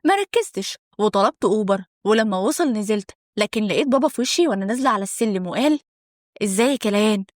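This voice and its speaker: A woman's voice: mid-range voice, expressive, racing, hardly any pauses, no room sound, clean studio sound. A young woman with an Egyptian accent narrating a first-person story in a conversational, dramatic way.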